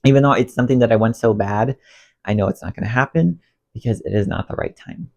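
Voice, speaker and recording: A fast-talking man with a gravelly mid-range voice rants emotionally to camera while cleaning his bedroom, stuffed up and losing his voice. His rambling self-talk swings expressively. He's filmed on a phone on a stand under a ring light.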